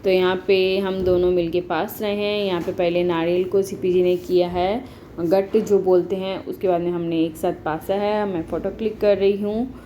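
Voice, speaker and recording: A woman in her thirties narrating a home vlog, calmly explaining each step of a family ritual. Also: on the low side, moderate pace, slight background noise. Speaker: vlogger. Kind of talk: casual voice-over narration of a family festival vlog.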